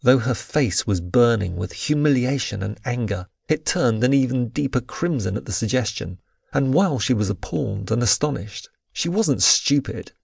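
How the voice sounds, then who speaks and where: A man narrating an audiobook, with expressive storytelling. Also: mid-range voice, normal speed, creaky, husky, dry recording, studio quality. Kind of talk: scripted narration.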